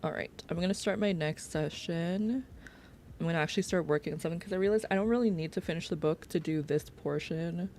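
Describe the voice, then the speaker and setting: A woman's voice: lowish voice, fast talker, darkish tone, slight background noise. A young woman chatting casually on a livestream while she works, rambling with lots of fillers. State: out of breath. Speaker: streamer. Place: home workspace.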